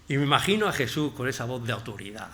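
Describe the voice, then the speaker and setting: Animated Spanish male preacher. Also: medium pitch. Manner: animated, conversational, swings from loud emphasis to quiet asides. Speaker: pastor. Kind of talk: sermon.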